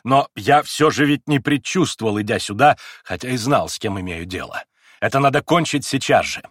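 A man voicing a proud gentleman who speaks heatedly and formally. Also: mid-range voice, expressive, fairly quick, husky, no room sound, studio quality, heavily acted. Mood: indignant. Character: indignant proud gentleman, humiliated.

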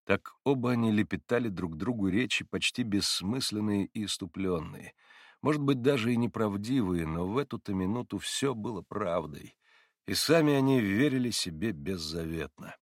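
Low-voiced male audiobook narrator. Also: no room sound, clean studio sound. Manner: measured, expressive narration. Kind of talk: literary audiobook reading.

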